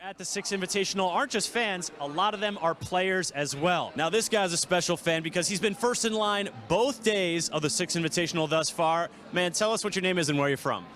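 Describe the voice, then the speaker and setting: A man's voice: high-pitched, a little fast, a bit bright. A man interviewing fans at an event, speaking in an upbeat presenter manner. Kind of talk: event vox-pop interviewing.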